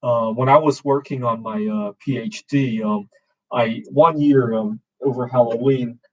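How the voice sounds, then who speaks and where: A man's voice: mid-range voice, fairly even intonation, measured pace, darkish tone, muffled recording. A man in his forties hosting a casual open-camera chat, rambling with many fillers and restarts. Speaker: show host.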